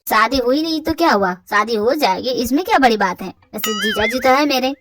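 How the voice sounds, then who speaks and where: A woman's voice: on the high side, expressive, a little fast, loud music behind the voice, pitched below the performer's own voice, natural voice. Woman doing a cheeky teasing young guy.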